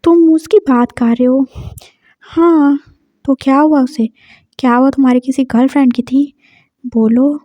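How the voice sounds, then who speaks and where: A woman's voice: sits high, fairly even intonation, a little slow, dry recording. A woman voicing a teasing, protective young man who comforts his fiancé. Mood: curious. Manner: teasing, then gently soothing.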